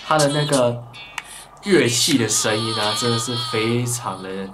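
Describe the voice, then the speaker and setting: A man with a Taiwanese Mandarin accent, hosting a casual gadget unboxing review, chatty and full of drawn-out particles, recorded on a camera microphone. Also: mid-range voice. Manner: chatty, lots of drawn-out sentence-final particles. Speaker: tech reviewer host. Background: background music.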